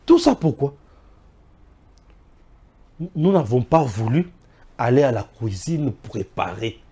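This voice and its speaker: Animated Congolese man, preachy and emphatic. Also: takes it slowly, slightly rough. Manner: preachy and emphatic, swinging between loud exclamations and low asides. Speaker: political commentator. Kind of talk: impassioned political talk mixing French and Lingala.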